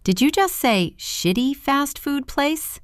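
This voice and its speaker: A woman voicing a creepy, smug male customer who flirts at a fast-food counter, in a storybook reading. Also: high voice, lively intonation, dry recording, studio quality, voice pushed up.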